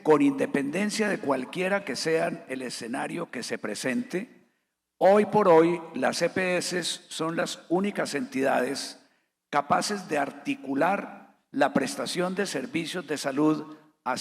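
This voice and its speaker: Gravelly higher-voiced moderator. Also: male voice, in a large hall. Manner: measured, structured, sets out options in order. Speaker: panel moderator. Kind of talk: formal panel moderation. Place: conference hall.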